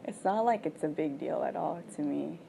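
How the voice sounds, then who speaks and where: A woman's voice: low voice, moderate pace, gravelly, warm tone, a little hiss or hum. A woman in her twenties from Thailand, giving frank, chatty answers as an international student in an interview. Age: 20s. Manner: frank and chatty, with frequent "like" fillers. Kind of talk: candid casual interview answers.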